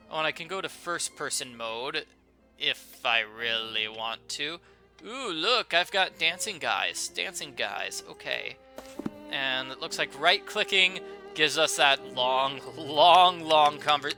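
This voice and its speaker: A gaming video host gives chatty, playful, informal commentary while playing through a video game. His voice sits on the high side, pushed and bright, with faint game music in the background.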